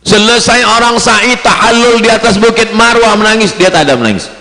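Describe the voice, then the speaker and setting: A man preaches, his voice fairly high, bright and forceful. He climbs into chanted Arabic phrases and sinks to low, quiet asides. The sound rings in a big echoey hall with a long tail. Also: fairly quick. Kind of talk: sermon to pilgrims.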